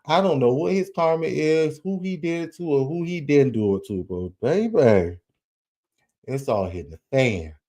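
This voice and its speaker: A man's voice: fairly high pitch, expressive, normal speed, dark tone. A man casually commenting on celebrity news, chatty and folksy, talking straight to his viewers with slang and asides.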